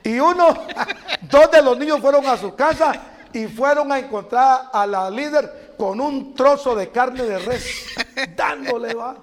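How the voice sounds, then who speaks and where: A middle-aged preacher man with a very high voice. He tells lively stories and acts out the people he quotes, chuckling along the way. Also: a little slow. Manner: animated, acts out quotes, laughs at his own stories. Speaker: preacher guest. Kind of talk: storytelling sermon chat.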